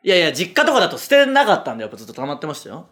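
High, lively man ranting fast. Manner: quick, animated retorts and laughing rants. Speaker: radio show host. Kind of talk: casual comedy radio chat.

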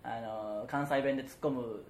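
A man from Okayama hosting a comedy radio talk show, ranting in an animated way with frequent laughs. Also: mid-range voice, normal speed, echoey room. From Okayama, Japan.

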